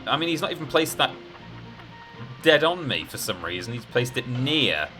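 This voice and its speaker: A man's voice: mid-range voice, sing-song, normal speed, pushed and bright. A man live-streaming a video game, rambling and thinking aloud as he chats casually with his viewers. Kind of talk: live gameplay commentary with casual chat to viewers. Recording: game music behind the voice. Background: video game music.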